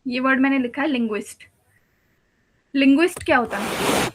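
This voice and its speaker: A woman's voice: high voice, normal speed, a little hiss or hum. A woman teacher giving a patient exam-prep lecture, explaining step by step with repeated examples. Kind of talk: exam-prep lecture mixing Hindi and English.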